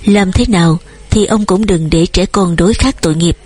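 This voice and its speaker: A woman's voice: lowish voice, moderate pace, a little mellow, husky. A woman reading an audiobook, voicing a stern male police officer in a formal, admonishing way and close to her own voice.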